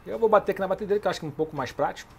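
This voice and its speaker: A middle-aged man hosts a home cooking show, demonstrating a recipe in his kitchen while chatting casually and checking in with the viewer, repeatedly asking "beleza?" and "tá?". His voice is high, husky and touched with vocal fry, and he talks rapid-fire.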